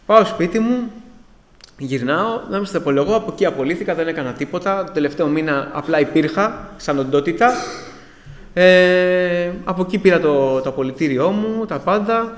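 A man giving an earnest, emotional personal testimony to a church congregation and addressing them as brothers. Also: sits high. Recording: echoey hall with long reverb.

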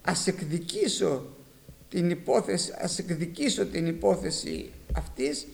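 Man voicing a gravelly, grumbling unjust judge, slow and irritated, in a sermon retelling. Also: high-pitched, lively intonation, darkish tone. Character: callous unjust male judge, annoyed and shameless.

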